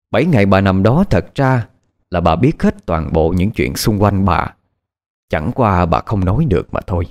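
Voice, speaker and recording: Male narrator, Southern Vietnamese accent, low voice with lively swings, dramatic horror storytelling, faint music under. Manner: expressive, dramatic.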